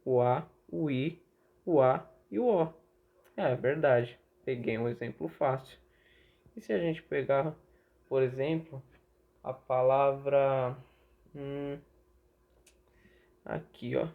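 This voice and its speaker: Young Brazilian male tutor, slow and chatty, thin phone-like sound. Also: medium pitch, vocal fry. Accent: Brazilian Portuguese. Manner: chatty, asks and answers own questions. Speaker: teacher. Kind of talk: casual online grammar lesson. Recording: tinny phone-like audio.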